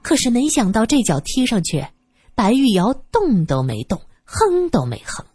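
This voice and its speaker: A woman's voice: fairly high pitch, huge pitch swings, moderate pace, warm tone, breathy edge, no echo. A woman narrating a story, reading expressively and acting out the scenes. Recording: dry close voice with faint music.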